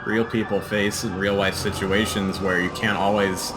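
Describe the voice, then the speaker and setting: A man's voice: on the low side, little pitch movement, normal speed, background noise. A man giving casual, conversational commentary while playing a video game, with mild exclamations. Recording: loud game audio behind voice. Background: video game soundtrack and action.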